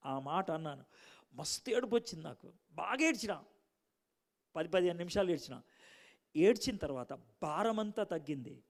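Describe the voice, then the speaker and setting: Male preacher; high, animated voice; dramatic storytelling, from shouting to near-whispers. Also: moderate pace, vocal fry, pauses often. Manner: dramatic, acts out dialogue, swings from shouting to hushed. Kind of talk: sermon with personal testimony.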